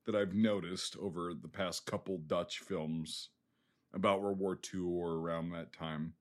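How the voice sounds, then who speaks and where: On a film podcast, a man with a low voice rants casually about a movie he disliked, speaking at a measured pace with fairly even intonation. He sounds exasperated, swears often, and keeps restarting his sentences as he rambles.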